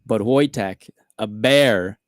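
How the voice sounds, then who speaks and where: Animated man telling a story, dry sound. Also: lowish voice, slow, no echo. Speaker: podcast host. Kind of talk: casual storytelling chat.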